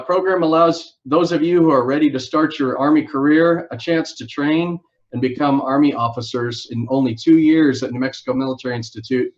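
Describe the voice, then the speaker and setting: A man of middle pitch hosts a formal live information session as a recruiting officer. His delivery is polite and orderly, with a few "uh" pauses. The sound is dull and lo-fi, like streamed audio. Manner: orderly, polite, with frequent "uh" fillers. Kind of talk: formal livestream presentation.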